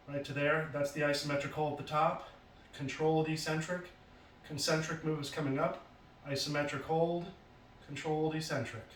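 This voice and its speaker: A man's voice: a little high, a bit bright, a little hiss or hum. A man demonstrating exercises at home as a fitness instructor, casually explaining each move while he performs it. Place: home basement. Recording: roomy echo from far off, faint ambience.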